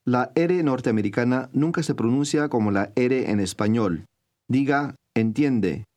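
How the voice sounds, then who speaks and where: A man narrating an old-style recorded language lesson, clear and measured like a teacher giving drills, mid-pitched voice. he speaks steadily and carefully. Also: a little mellow. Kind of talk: scripted instructional narration.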